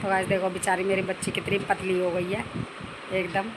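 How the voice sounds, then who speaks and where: A woman's voice: mid-range voice, completely flat delivery, normal speed. A middle-aged woman and mother chatting casually to viewers from her home kitchen, repeating herself and calling them guys. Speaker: vlogger, mother. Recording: noisy home phone recording.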